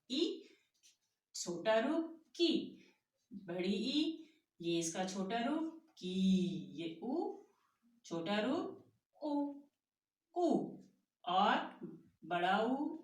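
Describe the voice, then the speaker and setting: Woman, primary teacher; slow, patient lesson delivery with question-and-answer drills; echoey room, distant mic. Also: on the high side. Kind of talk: Hindi grammar lesson for young children.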